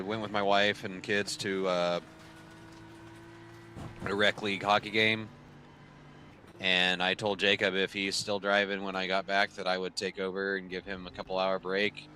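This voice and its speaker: Deep-voiced man chatting casually on stream. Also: level tone, a little slow, pauses often, bright, forceful tone, a little hiss or hum. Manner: rambling, sarcastic, filler-heavy. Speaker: sim racing streamer. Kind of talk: casual chat to viewers. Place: home sim racing setup.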